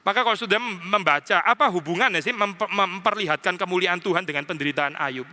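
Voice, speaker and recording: A man preaches to his congregation in a chatty, teasing style, often acting out short exchanges. His voice sits high and sounds very bright and sharp. The sound carries a long church-hall reverb. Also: fast talker. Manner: conversational preaching with English phrases and playful mimicry. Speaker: pastor. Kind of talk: sermon. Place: church sanctuary.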